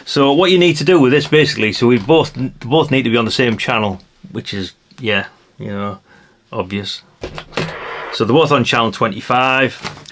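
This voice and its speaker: A vlogger who reviews vintage radios demonstrates gadgets hands-on in a casual, offhand, matter-of-fact way, often tagging his remarks with questions. His voice is medium-pitched with a fairly bright tone at a moderate pace, and there is slight background noise.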